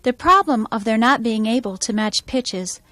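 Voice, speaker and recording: A woman music teacher explaining her methods in a calm, measured instructional voice-over. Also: a little high, no room sound.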